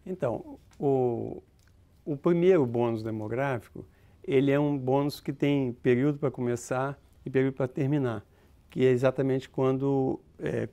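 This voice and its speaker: A man's voice: medium pitch, warm tone. A Brazilian man, a demographer, explaining concepts in an interview with many hesitations. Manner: hesitant, many fillers and restarts while explaining.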